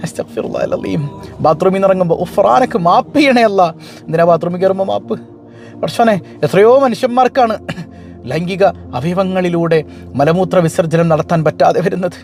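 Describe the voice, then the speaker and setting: A man preaching fervently, rushing from point to point. His voice sits high and leaps about as he tells his stories. Soft music plays faintly behind him. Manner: fervent, animated storytelling with frequent pitch leaps. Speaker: Islamic preacher. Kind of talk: sermon with told stories.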